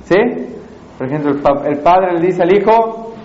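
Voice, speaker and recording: A man with a rather high voice gives a classroom lecture. He walks through each point step by step and keeps asking whether everyone follows. The recording is roomy and slightly dull. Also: expressive, moderate pace, a little hiss or hum. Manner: explains step by step and checks in with frequent questions to listeners. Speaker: teacher.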